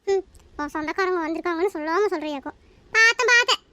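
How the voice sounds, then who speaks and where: A woman voicing a sharp-tongued, taunting mother-in-law in a family comedy skit. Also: very high-pitched, animated, quick pace, no room sound, exaggerated voice. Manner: taunting, bossy.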